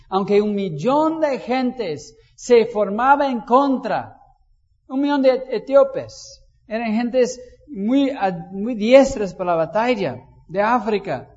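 A high-pitched man preaches a sermon, talking to his listeners as if in conversation and throwing questions at them. His voice rings through a hall with a long echo, and the recording sounds dull and muffled. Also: darkish tone. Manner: conversational, asks the congregation questions and acts out prayers.

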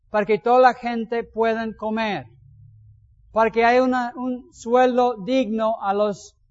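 A man, a pastor reading scripture aloud and commenting on it with folksy asides. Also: sits high. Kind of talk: Bible reading and sermon. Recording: dull lo-fi sound.

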